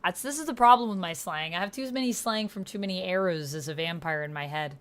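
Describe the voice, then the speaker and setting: A woman runs an online text roleplay playthrough, chatting casually, musing aloud to herself, and now and then reading the typed chat out loud. Her voice sits on the low side and she talks at a quick pace. Keyboard typing is clearly audible in the background.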